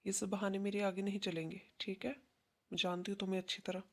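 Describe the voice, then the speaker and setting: Woman playing a gravelly, harsh mother-in-law. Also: medium pitch, flat delivery, fast talker, lightly acted. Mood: scolding. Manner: scolding, blunt. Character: harsh middle-aged mother-in-law, later remorseful. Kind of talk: home-made short drama.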